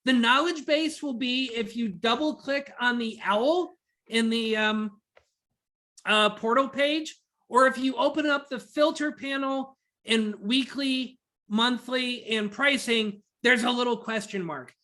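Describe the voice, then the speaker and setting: A man giving a rapid, enthusiastic webinar presentation over a video call, talking like an auctioneer. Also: extremely high pitch, bright, forceful tone. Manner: rapid, enthusiastic, self-described nerd. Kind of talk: fast-paced webinar presentation.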